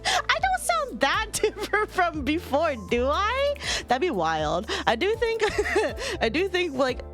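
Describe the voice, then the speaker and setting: A high-voiced woman in her late twenties hosts a casual gaming stream. Her delivery is giggly and very animated, swinging widely in pitch. Some music plays behind her as she chats. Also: takes it slowly. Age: late 20s. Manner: giggly, laughs often. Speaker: livestream host. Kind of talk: casual livestream chat while gaming.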